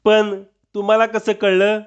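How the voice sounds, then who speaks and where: Casting: a man playing a cowering village thief, stammering and whiny, raised pitch, dull lo-fi sound. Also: a little slow. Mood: scared. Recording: dull lo-fi recording.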